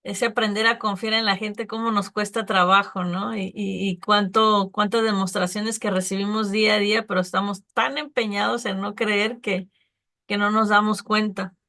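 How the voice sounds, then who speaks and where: A woman's voice: medium pitch, flat delivery, moderate pace, bright, forceful tone. A woman moderating a spiritist study group, thanking the speaker and reflecting on the talk.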